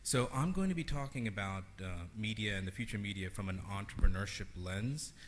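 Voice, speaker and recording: A man's voice: fairly low pitch, fairly quick, slight background noise. A man from Sri Lanka giving an earnest conference talk, with many fillers and restarts. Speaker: conference keynote speaker.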